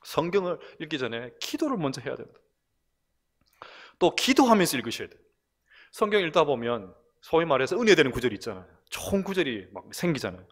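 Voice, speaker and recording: A middle-aged man from Korea's Gyeongsang region, speaking with that accent, preaches a conversational sermon full of stories and animated asides. His voice is a little high and he talks fast. It was recorded in church from the broadcast room.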